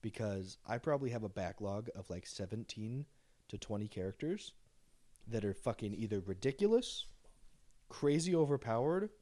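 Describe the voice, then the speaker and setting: A young man co-hosting a casual podcast chat, excitable and boastful, swearing freely as he talks about the games he runs. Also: on the low side, normal speed. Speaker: podcast co-host and dungeon master.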